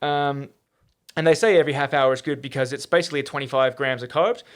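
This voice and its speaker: A man hosting a podcast, chatting casually and quickly with plenty of fillers and restarts. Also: mid-range voice. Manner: fast, animated, lots of fillers and restarts. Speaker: podcast host and trainer.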